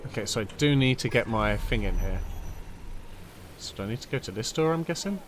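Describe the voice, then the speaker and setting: A man's voice: mid-range voice, lively intonation, a little fast, soft background music. A man giving casual game commentary and chat in a rambling, jokey, sweary way. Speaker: gaming streamer.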